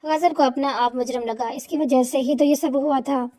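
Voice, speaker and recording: A woman reading a romantic novel aloud in a steady storytelling voice, voicing every character herself. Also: sits high. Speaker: novel reader.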